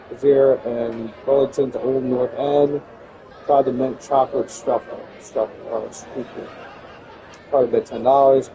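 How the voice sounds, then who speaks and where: A young man streaming a game live, reading in-game text aloud in a halting, casual way and calling his viewers bro. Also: medium pitch, background noise.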